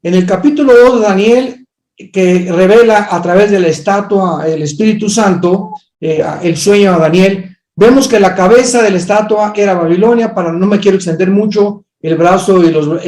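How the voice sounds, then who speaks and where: A man's voice: sits high, normal speed, darkish tone. A man teaching theology, answering a student's question firmly and emphatically. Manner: firm, emphatic, corrects speculation bluntly. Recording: echoey room.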